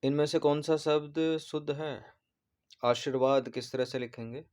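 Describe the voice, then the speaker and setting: Male tutor, steady monotone delivery, patient, repeats each word while walking through answers. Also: a little high, measured pace. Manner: repeats words, corrects spellings patiently. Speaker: exam prep teacher. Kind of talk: explaining test answers.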